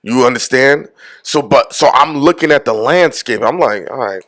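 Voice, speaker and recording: A man's voice: mid-range voice, animated, normal speed, fairly bright tone. A man, a podcast co-host talking confidently in casual conversation and replaying what he said to others. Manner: confident, hypes plans, quotes his own dialogue.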